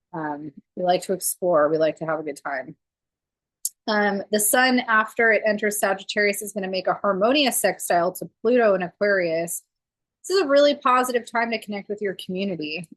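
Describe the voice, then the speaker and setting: A woman's voice: on the low side, dry recording, poor audio. A woman astrologer giving a casual monthly forecast, chatty and full of fillers.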